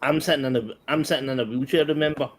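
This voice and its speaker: A man with a Scottish accent chats as a guest in an easy group conversation. His voice sits at an ordinary middle pitch. He is blunt and halting, breaking off mid-thought and starting over. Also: slight background noise. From Scotland. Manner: blunt, halting, trails off and restarts. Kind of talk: casual group chat.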